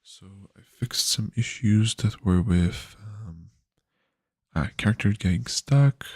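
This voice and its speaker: A man's voice: fairly low pitch, takes it slowly, darkish tone, husky, no echo, studio quality. A man streaming his game development work, talking casually and sleepily with many fillers and restarts. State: yawny. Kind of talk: casual live-stream devlog.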